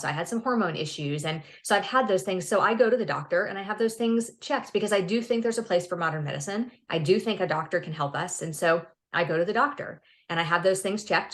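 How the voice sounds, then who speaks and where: Woman in her fifties, podcast guest, earnest and upbeat, somewhat low voice. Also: fairly bright tone. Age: 50s. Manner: earnest, upbeat, restarts words often. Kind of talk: casual interview conversation.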